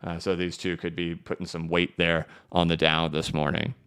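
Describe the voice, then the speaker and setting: A man's voice: sits low, level tone, moderate pace, fairly bright tone, clean tone. A man hosting a casual live market stream, rambling with many fillers and "right?" tags. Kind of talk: casual livestream commentary.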